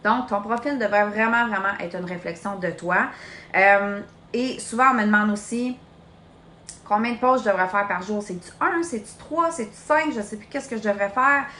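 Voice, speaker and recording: Speaking in a bright, forceful, mid-range voice at normal speed, a late-20s woman with a Québécois French accent runs a live social media training for her sales team. She's chatty and direct, using "tu" with her listener, and the room is echoey with slight background noise.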